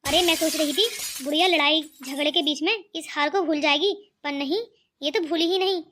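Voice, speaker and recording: A woman voicing a sly, smug young daughter-in-law who flatters her mother-in-law in a cartoon. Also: very high voice, brisk, background noise. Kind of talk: cartoon voice acting.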